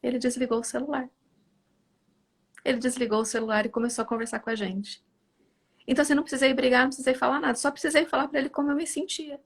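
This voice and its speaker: A woman's voice: sits high, fast talker, slightly rough. A middle-aged woman hosting a live talk, chatting casually and acting out family conversations with animation. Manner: animated, acts out family dialogue. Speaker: live host.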